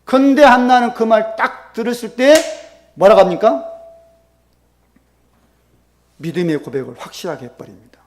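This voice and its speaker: A man preaching a sermon as pastor, acting out quoted prayers with sudden loud bursts and soft drops. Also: high-pitched, expressive, moderate pace, long pauses, a little hiss or hum.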